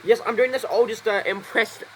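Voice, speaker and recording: A young man casually commenting on his gameplay, rambling and excitable, swearing often. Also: high-pitched, fairly quick, a little hiss or hum, poor audio. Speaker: gaming YouTuber. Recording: voice over loud game music.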